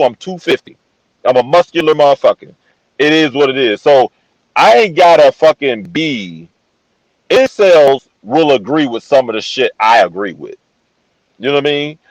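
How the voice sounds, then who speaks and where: A man's voice: fairly high pitch, lively intonation, moderate pace, no room sound, rough recording. A man on a casual panel, boastful and profane, repeating himself as he makes his point. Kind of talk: heated casual debate.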